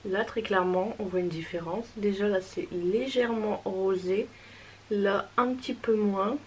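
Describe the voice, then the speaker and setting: A woman's voice: mid-range voice, steady tone, a little slow, darkish tone, slight background noise, poor audio. Chatty young woman reviewing makeup. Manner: chatty, hesitant, reassuring. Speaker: beauty vlogger.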